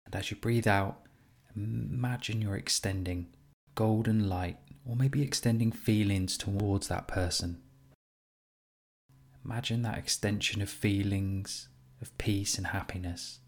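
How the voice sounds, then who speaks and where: A man leading a guided compassion meditation as a teacher, speaking in a gentle, soothing, unhurried way with pauses. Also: fairly low pitch.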